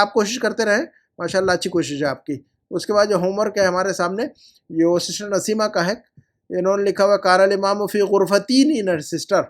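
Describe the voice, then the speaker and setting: A man with a rather high voice teaches an Arabic lesson and goes through his students' homework. He explains in Hindi-Urdu mixed with English terms and stretches key words out slowly, repeating them for drilling. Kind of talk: online lesson correcting homework.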